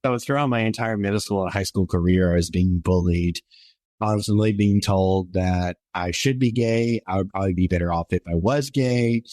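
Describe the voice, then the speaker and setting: At a moderate pace, a man in his twenties shares his personal story as a podcast guest, rambling and earnest with lots of fillers. His voice sits somewhat high for a man and sounds a little mellow, with no echo.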